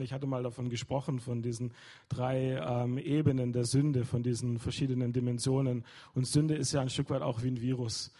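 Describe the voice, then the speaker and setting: Young guy preaching, lots of ähms and restarts, dark husky voice. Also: medium pitch. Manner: hesitant, many fillers and restarts. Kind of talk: informal sermon.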